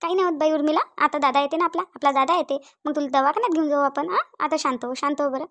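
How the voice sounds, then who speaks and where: A woman voicing a very high-pitched, nagging village mother. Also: quick pace, fairly bright tone. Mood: soothing. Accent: Varhadi Marathi. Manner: repetitive, nagging, tag questions. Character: fussy middle-aged village mother, scolding then soothing.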